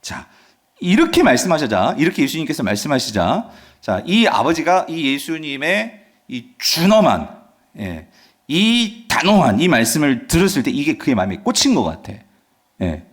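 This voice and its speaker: A male pastor preaching a sermon, asking his congregation questions and answering them himself, reading scripture loudly and dropping to soft asides. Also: fairly high pitch, wildly swooping pitch, normal speed. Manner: swings between loud emphatic scripture reading and soft asides. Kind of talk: Friday revival-service sermon.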